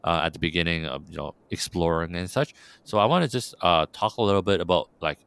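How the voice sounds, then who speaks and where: Deep, smooth-voiced male host, dry close sound, meandering questions. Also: fast, fairly bright tone, dry recording. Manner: rambling, filler-heavy questions. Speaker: interview host. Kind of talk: podcast interview.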